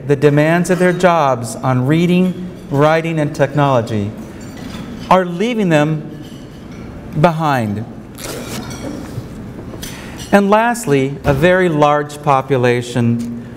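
Keynote speaker, middle-aged man, slightly higher voice, earnest and deliberate; podium mic, big echoing ballroom. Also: darkish tone. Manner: earnest, emphatic, repeats key points. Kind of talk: conference keynote lecture. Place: large hotel ballroom with seated audience. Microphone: podium microphone. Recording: reverberant hall, faint room noise.

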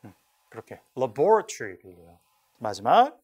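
A man's voice: on the high side, big pitch swings, fast. A man teaching an English test class in a lecture style, repeating words aloud to model how they are said. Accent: Korean. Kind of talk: lecture explaining listening questions.

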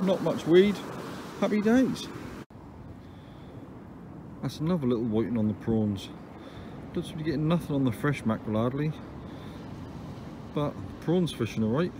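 This man from England sits on the high side vocally as he films himself fishing from an open beach with a phone in hand. His commentary to camera is casual, chatty, and matter-of-fact with dry grumbles, while surf, wind, and waves sound in the outdoor recording.

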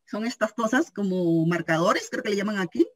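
A woman giving an informal training talk on a video call, telling lively anecdotes and acting out the voices of the people in them. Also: medium pitch, moderate pace. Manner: animated storytelling, acting out quoted voices, frequent "¿sí?" check-ins. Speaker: cooperative store member giving a training talk.

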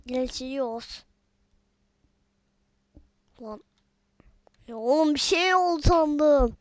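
A woman's voice: high-pitched, slow, dry recording. A woman giving casual, chatty gameplay commentary from home, often addressing viewers as friends. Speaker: gaming video maker.

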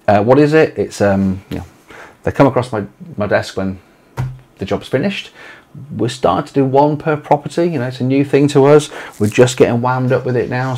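A man's voice: mid-range voice, darkish tone. A man in his forties with an East Midlands English accent, chatting casually to camera from a small home office, rambling with lots of fillers and restarts. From England. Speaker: letting agency owner.

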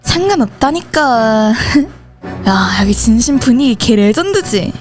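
Woman doing all the voices in a school ghost story, high pitch, slow and drawn out, faint music behind. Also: sing-song, darkish tone. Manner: switches between several teenage schoolgirl characters in dialogue. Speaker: channel host and voice actor. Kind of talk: voicing every character in a school horror story.

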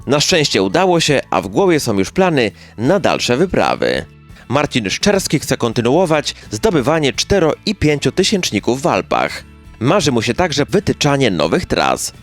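A man's voice: medium pitch, wildly swooping pitch, normal speed. A man reading a scripted local news narration in speech, as a chronicle announcer. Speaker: newsreel narrator. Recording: music bed behind the voice.

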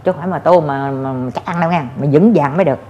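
A woman gives spiritual advice in a casual talk, calmly reassuring her listeners and repeating her points in a homely way. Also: low-pitched, rapid-fire, lo-fi sound. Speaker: spiritual adviser.

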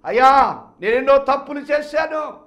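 Male preacher doing a repentant young man, high voice, pleading, emotional. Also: moderate pace, fairly bright tone. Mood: penitent. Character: repentant young man confessing his sins.

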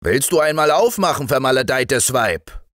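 A man voicing a blustering, hungry farmer husband with loud, eager exclamations. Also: medium pitch, sing-song, normal speed, dry recording, clean studio sound, voice pushed up. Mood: angry.

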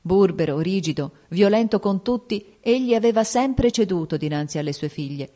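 A woman narrating a classic novel as an audiobook in a measured, even-paced reading. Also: medium pitch. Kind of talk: scripted literary narration.

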